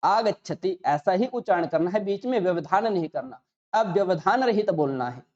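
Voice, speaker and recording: Low, mellow woman teaching grammar. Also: animated. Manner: spells out words sound by sound, repeating examples slowly. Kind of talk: explanatory grammar lesson. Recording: slightly dull, muffled recording.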